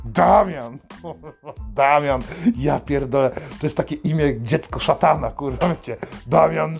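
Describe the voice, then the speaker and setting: Foul-mouthed ranting man, somewhat high voice. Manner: crude, swears constantly, yells names mockingly. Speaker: host. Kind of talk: comedic rant monologue.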